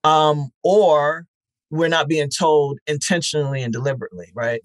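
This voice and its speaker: The founder of a podcast festival answers interview questions reflectively, his speech full of fillers and restarts. His voice is a little high and steady in tone, at a moderate pace, in a dry recording.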